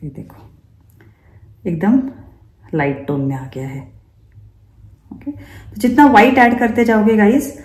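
A woman's voice: medium pitch, very animated, measured pace, pauses often, a little mellow, a little hiss or hum. A woman running a makeup class, who explains each step and often asks her students rhetorical questions. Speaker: makeup teacher. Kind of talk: instructional demonstration. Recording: echoey room.

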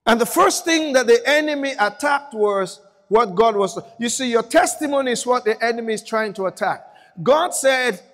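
High-voiced emphatic man preaching. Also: lively intonation, long reverb tail. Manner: emphatic, repeats phrases, drops to quiet slow emphasis. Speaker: pastor. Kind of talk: sermon.

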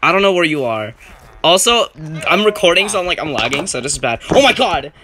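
A woman playing a video game, talking fast and frantic, laughing and panicking as she plays. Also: fairly low pitch, very animated, a bit bright, slight background noise. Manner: panicky, laughing, exclaiming often. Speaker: gaming youtuber. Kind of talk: frantic casual gameplay chat. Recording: game music playing behind.

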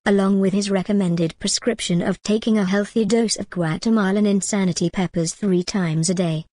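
A woman's voice: mid-range voice, fairly even intonation, moderate pace, warm tone, dry recording, studio quality. A woman delivering a scripted video monologue, mixing wry joking asides with earnest persuasion. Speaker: video creator.

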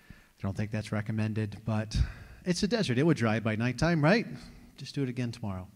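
A man's voice: fairly low pitch, lively intonation, fairly quick. A man in his forties from New York, preaching a sermon as lead pastor and telling wry, conversational stories. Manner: joking, conversational storytelling. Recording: long reverb of a large hall.

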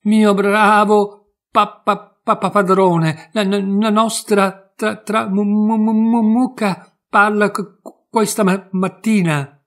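A man's voice: high-pitched, fairly even intonation, takes it slowly, pitched above the performer's own voice. A man voicing a frightened woman servant who stammers badly, in a storybook reading. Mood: panicked.

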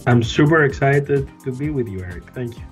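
A man's voice: mid-range voice, lively intonation, a little fast, music in the background. A man from Greece, founder of a food company, answering interview questions thoughtfully with frequent fillers and restarts.

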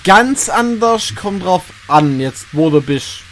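A man's voice: sits high, animated, slow pace, a bit bright, a little hiss or hum. A man from the West Palatinate, chatting casually on a live stream and repeating words while he searches for them. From West Palatinate, Germany. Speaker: streamer host.

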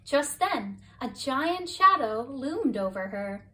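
A woman reading a children's picture book aloud as a bedtime story, slow and expressive, her voice a bit distant from the mic. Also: high-pitched. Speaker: storybook reader.

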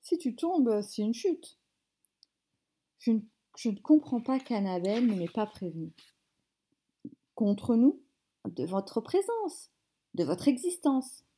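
A woman giving an acted reading of a comic stage play, with a theatrical delivery and hushed asides. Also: on the high side.

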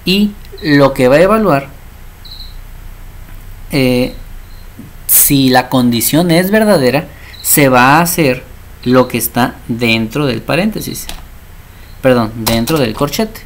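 A man's voice: mid-range voice, lively intonation, slow, pauses often, slight background noise. A man teaching a programming class, chatty and constantly checking that his students understand. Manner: acts out little dialogues. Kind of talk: programming lesson.

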